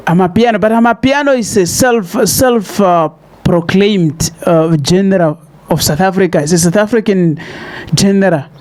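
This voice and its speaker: A man with a Namibian accent hosting a casual interview, often halting and repeating his words. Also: sits high, a little mellow. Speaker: podcast host.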